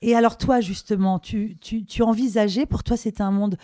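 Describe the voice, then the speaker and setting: A woman hosts a casual podcast interview, asking questions and eagerly chiming in. Her tone is warm and soft-edged. The recording is close and dry. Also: mid-range voice, fairly even intonation, moderate pace, dry recording. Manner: enthusiastic, chimes in with prompts.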